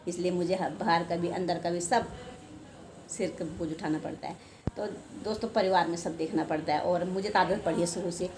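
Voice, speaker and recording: A woman's voice: lowish voice, a little mellow. An older woman talks to her viewers in a chatty, rambling way. She pokes fun at herself as she goes. A faint hum of room noise sits under her voice. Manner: chatty, rambling, self-deprecating. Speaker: home vlogger. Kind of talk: casual chat to camera.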